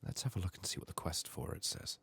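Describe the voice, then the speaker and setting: A soft-spoken gaming streamer and ASMR host offers unhurried game commentary, musing to himself and sometimes slipping into a whisper.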